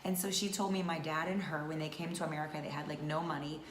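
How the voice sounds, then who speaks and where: A woman's voice: low-pitched, little pitch movement, quick pace. A woman in her thirties from North Georgia, chatting casually to camera as a vlogger with many fillers. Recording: echoey room with faint noise.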